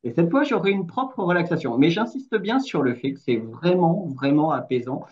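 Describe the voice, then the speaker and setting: Polite formal man with a higher voice. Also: expressive, moderate pace, a little mellow, lo-fi sound. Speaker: guest sharing his experience. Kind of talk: casual group discussion.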